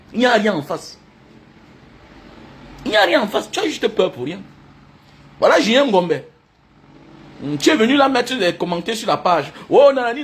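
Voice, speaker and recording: A man delivering an impassioned, hectoring monologue, repeating points emphatically and breaking into laughter. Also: high-pitched. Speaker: commentator addressing online critics.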